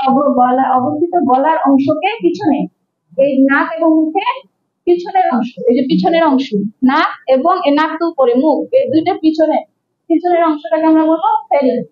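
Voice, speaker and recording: This high-pitched young woman, recorded with dull audio, has a Bangladeshi Bengali accent and teaches a classroom lecture as a medical instructor. Her style is patient, with questions put to the class and key terms said more than once.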